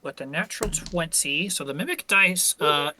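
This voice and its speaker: A man playing in a tabletop game who jokes in quick, playful asides. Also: on the high side, sharp tone, slight background noise. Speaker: player.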